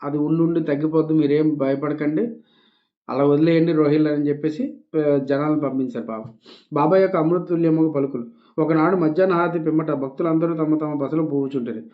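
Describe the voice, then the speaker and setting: A man's voice: on the high side, fairly even intonation, fast talker. A man reading a devotional text aloud and explaining it in casual speech, with small restarts and English words dropped in. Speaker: devotional reader. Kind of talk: scripture reading with spoken commentary. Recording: tinny phone-like recording.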